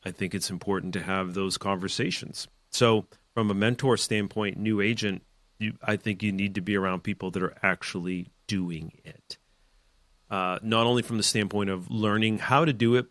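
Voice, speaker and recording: A real estate team leader hosts his podcast, handing out emphatic, opinionated advice in a rambling, casual way full of side notes. His voice is low and a bit bright, with no echo.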